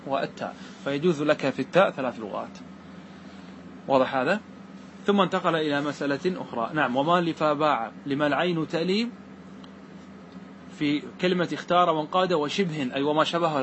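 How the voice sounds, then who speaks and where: A man teaching a classroom lesson on Arabic grammar verses, reciting lines slowly and then explaining them while often asking his students whether they follow. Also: a little high, fairly bright tone, a little hiss or hum. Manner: checks understanding with repeated questions to students.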